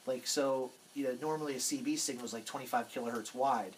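Speaking fast at a medium pitch, this man shows off radio gear in a messy indoor workshop, talking informally and occasionally letting sentences trail away. He's a hobbyist doing a hands-on demonstration, recorded in a noisy room by an off-screen handheld camera.

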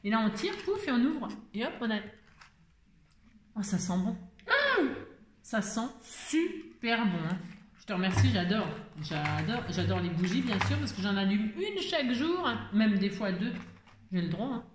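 A woman's voice: mid-range voice, very animated, moderate pace, roomy sound, background noise. A woman vlogger chatting casually and exclaiming as she unboxes crafts, talking to her viewers and to herself.

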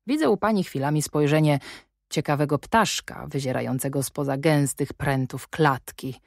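A woman reading the lines of an ironic, commanding middle-aged English gentleman in an audiobook, in a measured, wry and probing manner. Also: deep voice, vocal fry, dry recording, clean studio sound.

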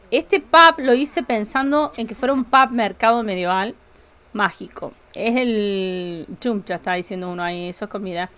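A woman's voice: sits high, fairly bright tone. A woman with a Rioplatense Spanish accent chatting and giggling casually while commenting on a life-sim game she streams.

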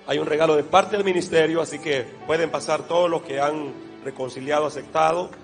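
A man's voice: on the high side, fairly even intonation, fairly quick. A man giving directions and announcements to a church congregation. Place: large church hall. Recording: reverberant hall with soft music.

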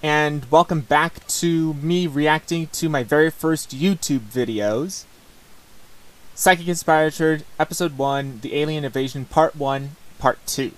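Male host, slow hesitant reaction commentary, slightly higher voice. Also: steady tone, rough recording. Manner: rambling, hesitant, full of restarts. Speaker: host reacting to his old videos.

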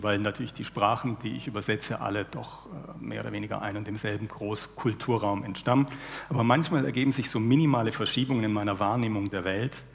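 A German-speaking man in his forties, a literary translator, has a lowish, creaky voice. On a stage before an audience, he speaks into a headset mic on a panel, laying out his ideas in a thoughtful, lecture-like way with dry irony. The recording carries a long hall reverb.

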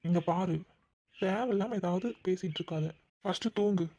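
A man's voice: high-pitched, moderate pace, warm tone, a little hiss or hum, lightly acted. A man voicing a defensive, pleading young boyfriend in a cartoon, in a dull, dry, lo-fi recording. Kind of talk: cartoon voice acting.

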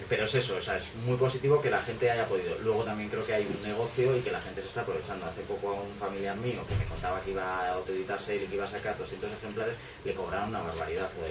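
Low-voiced man, echoey and distant. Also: steady tone, fast. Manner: rambling, many fillers and restarts. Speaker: author on a discussion panel. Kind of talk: casual panel discussion. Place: bookshop café, seated at a table. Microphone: far camera. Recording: echoey room, distant mic, noise.

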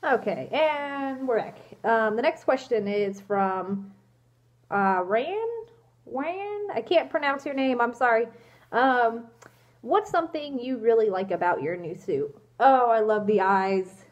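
With a congested cold, a young woman answers viewer questions in her casual fursuit vlog, hesitant, apologetic and leaning on ums. Her voice is on the high side with lively intonation, and she takes it slowly. Filmed in costume in a small indoor room on a phone held at arm's length, the audio has its highs cut off.

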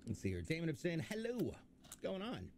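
With a fairly high voice, huge swings in pitch and a brisk pace, a man hosts a PC build livestream over slight background noise. He keeps it chatty and jokey, reading viewers' questions aloud in casual stream chat.

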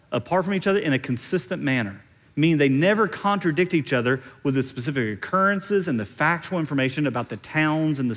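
A middle-aged man with a Central Kentucky accent preaching in a conversational, explanatory way, repeating phrases for emphasis. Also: fairly high pitch. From central Kentucky, United States. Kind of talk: teaching sermon on stage. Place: large indoor stage.

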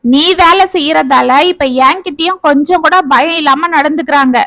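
A woman's voice: high-pitched, normal speed, sharp tone, dry recording. Woman voicing a grumpy retired old man. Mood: grumbling. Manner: sulking, complaining. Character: grumpy retired older man, bank manager.

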